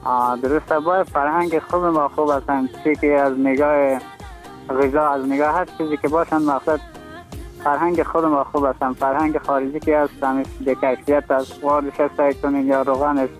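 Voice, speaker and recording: A man's voice: a little high, level tone, faint music behind, poor audio. A man with an Afghan Dari accent calling in to a radio show, friendly and loosely stringing his sentences. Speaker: caller. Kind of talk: phone-in call.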